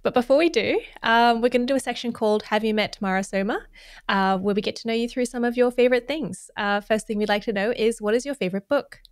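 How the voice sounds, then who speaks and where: A woman's voice: fairly high pitch, quick pace, no echo. A woman in her thirties hosting a podcast at a studio microphone, friendly with ums. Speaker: podcast host. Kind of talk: podcast interview. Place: small studio room. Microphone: studio mic on boom arm, headphones.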